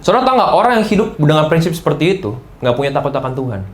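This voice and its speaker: Brief: male preacher, fairly high voice, lively sermon delivery that slips in English phrases, talks straight to the congregation. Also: racing. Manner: mixes in English phrases, acts out quoted voices; addresses congregation directly.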